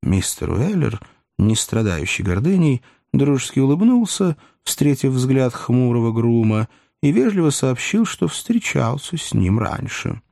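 A man narrating a classic story with a measured, dramatic delivery. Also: medium pitch, big pitch swings, vocal fry, warm tone, no echo, clean studio sound. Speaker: reader.

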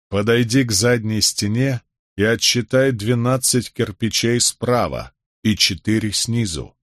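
A man's voice: mid-range voice, no echo, studio quality, lightly acted. A man voicing a weary, disgraced middle-aged nobleman, with a heavy, sighing delivery in an audiobook reading.

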